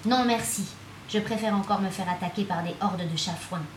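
A woman's voice: mid-range voice, animated, fairly quick, darkish tone, distant mic, a little hiss or hum, natural voice. A woman reading the lines of a curt, resentful man in an audiobook, with abrupt angry outbursts, in an echoey room. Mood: furious.

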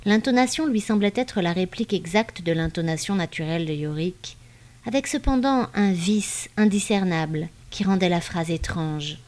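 A woman narrating a novel in a measured, even reading style. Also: fairly low pitch. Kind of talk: audiobook narration.

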